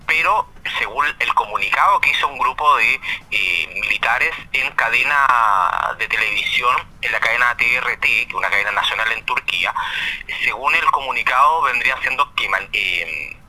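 Male phone-in correspondent, heard through the phone, bright edgy tone, careful explainer who hesitates often. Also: mid-range voice, expressive, creaky. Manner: measured explainer with frequent hesitation fillers. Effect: heard over a phone line. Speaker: caller, radio correspondent. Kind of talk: live call-in news update.

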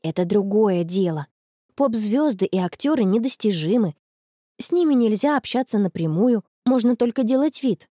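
A woman voicing a dreamy, stubborn teenage schoolgirl in love, in a storybook, soft and a little touchy. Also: mid-range voice, lively intonation, normal speed, no echo, clean studio sound, close to an everyday voice.

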